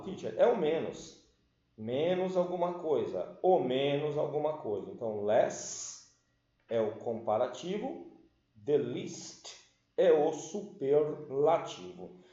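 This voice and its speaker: Slow, lively teacher, echoey room. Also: male voice, a little high. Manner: explains patiently, checks understanding with "certo?" and "tá certo?"; addresses the class as "galera". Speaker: English teacher. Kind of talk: recorded online class lesson. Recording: echoey room, dull lo-fi sound.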